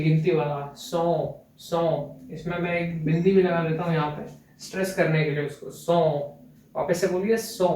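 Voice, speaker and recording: A man's voice: high voice, darkish tone. A man giving a casual lesson, explaining step by step and repeating words for practice. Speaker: language teacher. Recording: very echoey room, voice from far off.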